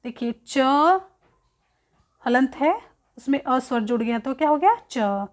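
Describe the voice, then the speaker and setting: Female teacher, higher-pitched, unhurried delivery, repeats each word while explaining the lesson. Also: animated, a little mellow. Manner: slow, repeats words, asks and answers own questions. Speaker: Sanskrit teacher.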